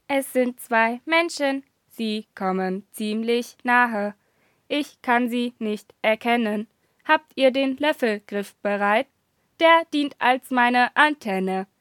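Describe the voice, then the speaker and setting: A woman's voice: a little high, animated, takes it slowly, music in the background. A woman voicing a friendly, polite onboard computer in a children's audio story. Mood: guiding. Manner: polite, announces like a machine.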